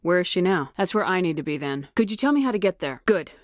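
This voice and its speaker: An actress playing a tough, no-nonsense military space commander in a video game, with a clipped, assertive, businesslike delivery. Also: female voice, fairly low pitch, lively intonation, fast talker, no room sound, clean studio sound, natural voice. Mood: firm, persuasive. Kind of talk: video game dialogue acting.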